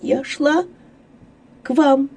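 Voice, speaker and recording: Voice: sits high, fairly even intonation, extremely slow, vocal fry, a little mellow, far from the mic, voice pushed up, heavily acted. A reader voicing an earnest, brave young woman who pleads tenderly and sometimes whispers her words. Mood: pleading. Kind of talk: audiobook character voice.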